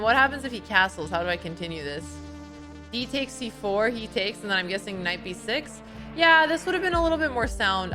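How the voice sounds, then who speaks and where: A woman's voice: fairly high pitch, bright, forceful tone. A woman streaming live from a home room, thinking aloud about a chess game and questioning her own moves.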